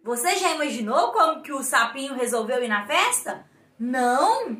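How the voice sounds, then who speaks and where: A woman with a Brazilian accent, a preschool teacher telling a story to small children, animated and asking them questions. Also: high voice, normal speed. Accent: Brazilian Portuguese. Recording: echoey room.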